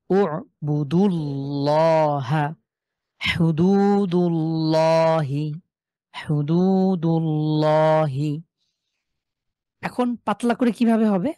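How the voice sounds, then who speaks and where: Male teacher, live online lesson, mellow tone, slow drawn-out recited examples. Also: fairly high pitch, no room sound, clean studio sound. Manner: explains rules, then recites examples slowly and drawn out.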